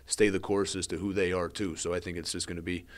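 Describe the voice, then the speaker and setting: Low flat-voiced male coach. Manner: measured, repeats words while thinking. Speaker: head lacrosse coach. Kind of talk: interview answers.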